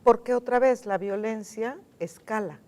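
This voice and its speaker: A Mexican woman speaking as a guest on a studio panel, emphatic, repeating key words and slowing down to stress them. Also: on the high side, darkish tone. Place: television studio.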